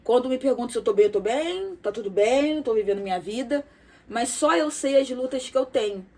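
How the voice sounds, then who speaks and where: A woman speaking directly to her viewers in a personal confessional vlog, soft and halting, with many fillers, repeated words and "tá?" tags. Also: a little high, expressive. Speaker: vlogger.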